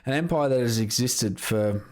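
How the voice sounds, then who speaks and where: A man's voice: medium pitch, normal speed. A man with an Australian accent co-hosting a casual chat between mates, laid-back and sweary, often repeating his words. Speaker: podcast co-host.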